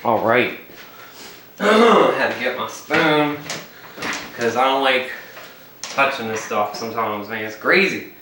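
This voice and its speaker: A man's voice: medium pitch, animated, slow, long pauses, pushed and bright. A man chatting and rambling while he eats on camera, filming himself alone indoors. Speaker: mukbang vlogger. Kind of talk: casual eating vlog. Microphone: camera mic set up by himself. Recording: echoey room, mic at a distance, faint noise.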